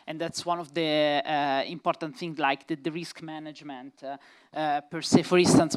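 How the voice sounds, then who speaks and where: Italian-accented woman panelist, smooth voice. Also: low voice. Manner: hesitant, many fillers, reads legal text aloud. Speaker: panelist, gender equality activist. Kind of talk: panel discussion.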